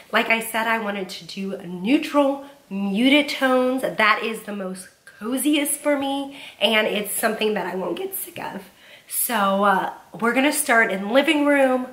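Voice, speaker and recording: A woman in her thirties from Southern California chats upbeat in a casual cleaning and decorating vlog from her living room, using frequent "um" fillers. A home vlogger and mom, she's getting over a cold, so her voice, a little high and fairly bright, still sounds slightly off.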